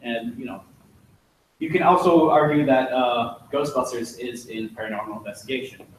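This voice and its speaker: A man's voice: medium pitch, fairly even intonation, normal speed, recorded from a distance, slight background noise. Young man lecturing in an echoey classroom. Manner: chatty, joking, many fillers. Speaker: student club presenter. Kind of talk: casual slide-talk lecture. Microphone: distant room mic.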